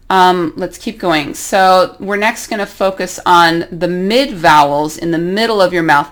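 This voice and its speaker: A woman's voice: fairly low pitch, fairly bright tone. A woman with an American accent teaching an English pronunciation lesson, carefully demonstrating each vowel sound.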